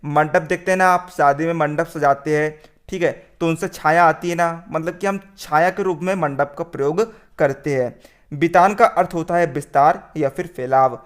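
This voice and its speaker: Higher-voiced man teaching a class. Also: normal speed, clean tone. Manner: repeats "theek hai", addresses "doston". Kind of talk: worksheet lesson.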